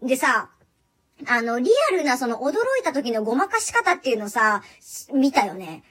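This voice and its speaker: A young woman telling a funny story from her job in a chatty, animated way, laughing often. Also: on the high side, moderate pace, slightly rough. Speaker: live chat performer telling a work story. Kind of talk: casual solo talk radio storytelling.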